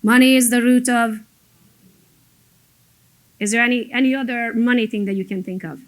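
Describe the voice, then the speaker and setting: Speaking in a steady, somewhat high voice at a moderate pace, this female business coach motivates a group through blunt, informal stories laced with mild profanity and plenty of emphasis. English isn't her native language; she came to the US from abroad as an adult.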